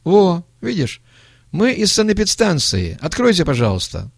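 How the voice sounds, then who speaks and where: A brisk, chatty male health inspector with a lifted, bouncy voice, as a male narrator plays him. He sounds friendly but pushy, in a storybook reading. The sound is dry. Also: high voice, wildly swooping pitch, creaky, no room sound, pitched above the performer's own voice, full character voice.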